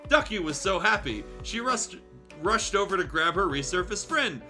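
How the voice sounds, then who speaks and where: A very animated man with a high voice reads fan fiction on stream at normal speed, sounding pushed and bright. He narrates with flair and a casual touch, correcting himself here and there and tossing in asides while music plays.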